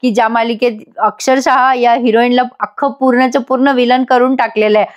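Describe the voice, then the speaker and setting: A woman's voice: a little high, steady tone, normal speed, dull audio. A woman giving a voice-over recap of a TV serial episode, chatty and emphatic, addressing viewers directly. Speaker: TV serial reviewer.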